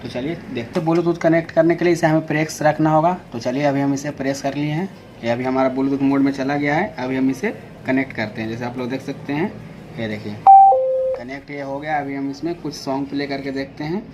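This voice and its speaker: The audio is dull and clearly noisy in this amateur unboxing video, hosted by an Indian man who reviews products. He narrates fairly quickly at a medium pitch and steady tone, explaining each step informally and repetitively.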